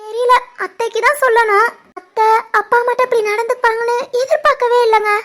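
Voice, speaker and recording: A woman voicing a tender, emotional young pregnant village wife in an animated family drama, with a Tirunelveli Tamil accent and a soft, tearful way of talking. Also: very high-pitched, a little fast.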